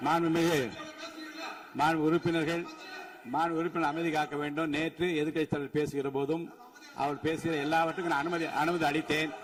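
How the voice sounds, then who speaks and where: A man's voice: on the high side, little pitch movement, fairly quick, a crowd in the background. A man with a Tamil Nadu accent chairing the state assembly, formal and firm, repeatedly ordering members to sit down and keep order. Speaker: speaker of the assembly chairing the session.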